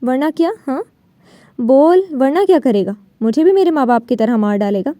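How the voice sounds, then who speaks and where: A woman's voice: high voice, animated, dark tone, no room sound, clean studio sound. A woman reading the part of a vengeful young man in an audiobook novel, with a menacing, sneering delivery.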